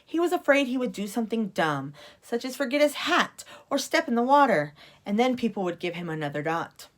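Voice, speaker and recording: A woman's voice: a little high, very animated, a little fast. A woman reading a children's storybook aloud expressively, like a teacher at story time.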